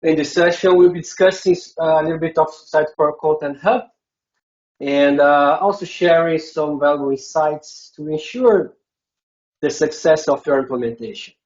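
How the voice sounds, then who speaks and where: Presenting at a conference in non-native English, this man from Brazil carries a Brazilian Portuguese accent and hesitates often with filler sounds. He has a fairly high, darkish-toned voice and speaks at a moderate pace, with the audio sounding dull.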